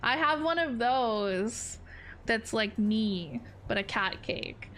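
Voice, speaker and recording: A woman's voice: a little high, expressive, slow pace, fairly bright tone, a little hiss or hum. A woman streamer chatting playfully and giggling to her viewers during casual gameplay commentary at a home setup.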